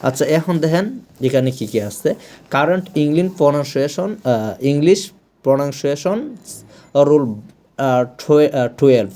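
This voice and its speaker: A man's voice: fairly high pitch, lively intonation, moderate pace, dark tone. A man teaching English pronunciation, saying each word again and again with many fillers and restarts. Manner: repeats words over and over, drilling pronunciation, with many "ah" fillers and restarts. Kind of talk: spoken language lesson.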